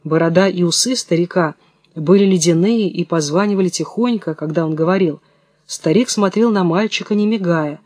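A man with a fairly high voice reads a fairy tale aloud in a calm, even way. The sound is close and dry, with no room around it. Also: moderate pace, no room sound. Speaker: narrator. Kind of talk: storybook narration.

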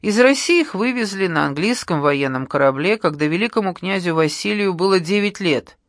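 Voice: mid-range voice, lively intonation, brisk, fairly bright tone, no echo. An audiobook narrator voicing a thoughtful male investigator who explains at length, recorded dry and close. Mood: explaining.

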